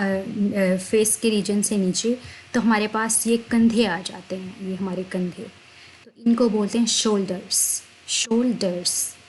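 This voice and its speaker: A woman teaching vocabulary, explaining each word in Hindi and repeating it slowly twice. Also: medium pitch, a little mellow, a little hiss or hum, rough recording. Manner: slow, drawn-out spelling of words, repeats each word twice. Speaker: English teacher.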